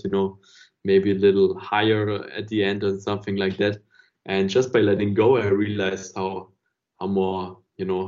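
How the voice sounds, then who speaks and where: On dull, lo-fi podcast audio, a male host with a deep, darkish voice muses through a casual conversation. He rambles reflectively and repeatedly slips in "you know."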